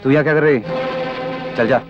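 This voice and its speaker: An actor playing a stern, proud bandit chief who speaks in curt commands, in 1980s film acting. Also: male voice, mid-range voice, fairly even intonation, a little fast, dull audio, loud music behind the voice, close to an everyday voice. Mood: commanding.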